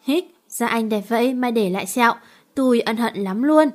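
A woman's voice: fairly high pitch, animated, moderate pace, darkish tone, close to an everyday voice. A woman reading the lines of a spirited, brash young woman who turns flustered and apologetic.

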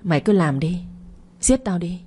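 A woman's voice: lowish voice, normal speed, dark tone, breathy edge. A woman narrator voicing a scheming, cruel middle-aged stepmother who talks in a mocking, scornful way in a storytelling audio drama.

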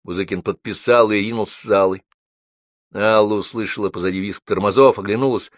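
A man narrating an audiobook in a calm, measured storytelling manner. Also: on the low side, no echo, clean studio sound. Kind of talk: scripted narration.

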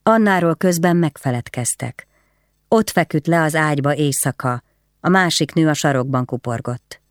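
Measured woman reading a historical novel. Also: low voice, no room sound, clean studio sound. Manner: measured, descriptive. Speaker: audiobook narrator. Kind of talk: scripted literary narration.

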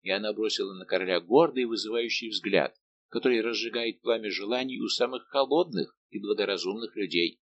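A man narrating a novel in a measured, literary reading style. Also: fairly low pitch, dull audio. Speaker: audiobook narrator. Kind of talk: scripted narration.

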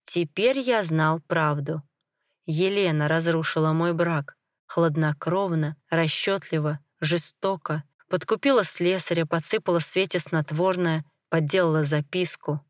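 A woman reading a dramatic first-person story in a measured, grave way. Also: sits low, dry recording, clean studio sound.

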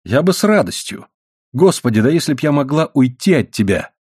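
A man reading the part of a furious, worn-down miner's wife with sharp, indignant retorts. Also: mid-range voice, sing-song, a little fast, breathy edge, no echo, clean studio sound, pitched above the performer's own voice. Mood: bitter.

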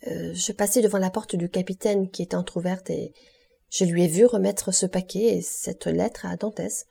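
Envious male officer, insinuating and hesitant, read by a woman; gravelly, husky voice. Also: on the low side, steady tone, normal speed, dark tone, exaggerated voice. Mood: sly. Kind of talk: audiobook reading.

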